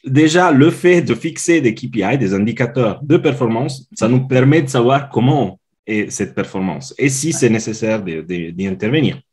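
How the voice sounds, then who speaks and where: In a casual interview, a forties-aged Italian guest who works as a customer experience consultant speaks French with his native accent. His husky, darkish medium-pitched voice is expressive at a moderate pace with few pauses, though he stumbles through many fillers and restarts.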